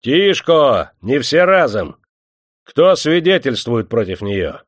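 A man voicing a stern, commanding male Cossack chieftain who barks orders loudly. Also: medium pitch, animated, normal speed, dry recording, studio quality, voice pushed up, lightly acted. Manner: loud, imperious orders.

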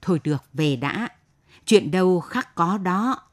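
A woman's voice: lowish voice, lively intonation, measured pace. A middle-aged village official, voiced by a woman reading a story settles matters in a curt, decisive tone. He speaks plainly and briefly, like someone used to being obeyed.

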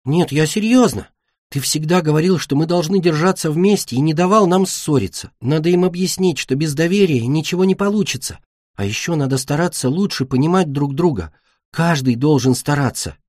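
A man voicing a kind, gentle young female dragon who speaks earnestly. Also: on the high side, expressive, brisk, no echo, studio quality, pitched above the performer's own voice.

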